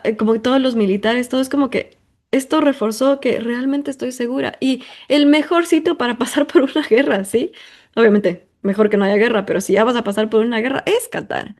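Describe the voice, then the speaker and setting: A woman's voice: on the high side, normal speed, darkish tone. A woman from Ecuador, hosting a personal monologue in an emphatic, talkative way full of intensifiers and fillers. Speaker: podcast host.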